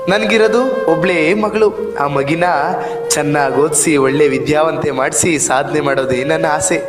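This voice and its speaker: A hard-working village father pleads softly with his only child, as a man plays him on a festival stage. His voice sits a little high and rings around a reverberant hall. Music hums behind him. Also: close to an everyday voice. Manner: pleading, coaxing, earnest. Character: poor laboring father doting on his only daughter. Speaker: stage actor. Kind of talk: village stage play acting. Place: open stage at a temple festival.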